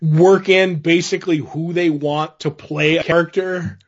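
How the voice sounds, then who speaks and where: A man's voice: a little high, fairly even intonation, moderate pace, dull audio. A man co-hosting a comic book podcast, chatting casually with a wry, joking manner. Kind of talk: casual chat about comics.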